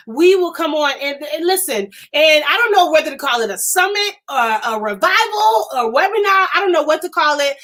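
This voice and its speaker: High voiced lady preaching on a live stream, all fired up, repeats herself, stumbles over words. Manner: excited and emphatic, repeats phrases, stammers when worked up. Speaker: inspirational speaker hosting a live stream. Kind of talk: fervent preaching to live viewers.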